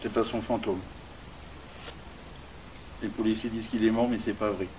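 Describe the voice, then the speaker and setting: A man's voice: on the low side, steady tone, normal speed, darkish tone, slight background noise, close to an everyday voice, low-quality recording. A man playing an odd cemetery keeper who talks in a strange, matter-of-fact way.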